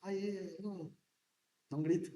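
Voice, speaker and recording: High-voiced pastor in an echoey church. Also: male voice, fairly even intonation, a little slow, warm tone. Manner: conversational, joking, asks the congregation questions. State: hard of hearing, talks loudly. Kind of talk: sermon. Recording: echoey church room from a distance.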